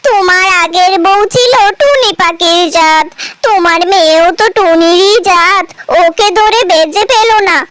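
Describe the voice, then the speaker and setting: A woman's voice: very high-pitched, unhurried, fairly bright tone, no room sound. A woman voicing a cruel, scheming pigeon stepmother in a cartoon, with sneering, mocking speech. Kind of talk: dubbed cartoon acting.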